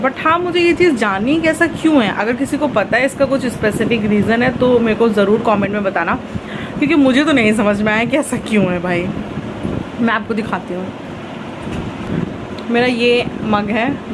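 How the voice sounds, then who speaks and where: A woman's voice: medium pitch, noisy background. A young woman chatting casually in a home vlog, talking to her viewers and asking them questions. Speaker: vlogger.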